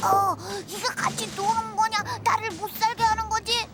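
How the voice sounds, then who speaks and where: A woman's voice: extremely high pitch, little pitch movement, moderate pace. A woman dubbing playful baby lion and tiger cubs in a comic voice-over, talking back sassily. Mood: coaxing. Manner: sassy, cartoonish, talks back to the narrator. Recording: music bed underneath.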